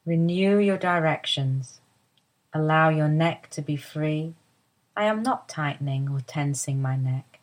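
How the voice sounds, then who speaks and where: A woman with a low voice leads a slow, calm body-awareness session. Her delivery is soft and soothing, unhurried from line to line. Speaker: movement teacher guiding a lie-down. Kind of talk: guided body-awareness instruction.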